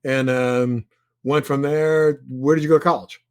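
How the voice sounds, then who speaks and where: A man's voice: medium pitch, fairly even intonation, unhurried, clean tone. A man hosting a podcast interview, eager and friendly, often stacking several rephrased questions in a row. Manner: eager, piles up repeated questions. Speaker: podcast host. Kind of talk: casual interview.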